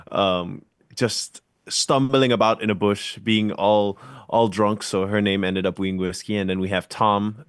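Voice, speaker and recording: A man's voice: lowish voice, no room sound, studio quality. A man who is a band member, guesting on a podcast from home and talking in a laid-back, rambling way. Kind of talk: casual interview chat. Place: home studio.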